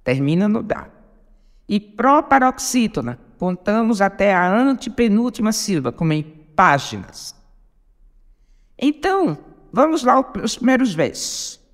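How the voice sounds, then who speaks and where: A woman hosting a podcast, giving a patient, deliberate spoken lesson on poetry and counting syllables aloud. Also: mid-range voice, sing-song, long reverb tail. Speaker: podcast host teaching poetry.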